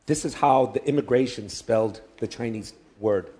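A man's voice: medium pitch, dark tone. Man preaching in short bursts. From United States. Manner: short phrases with pauses for translation. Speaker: guest preacher. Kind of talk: sermon delivered through an interpreter.

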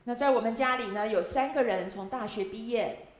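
A woman interpreting a sermon phrase by phrase, speaking in quick chunks with frequent filler sounds. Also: a little high. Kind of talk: consecutive interpreting at a church talk.

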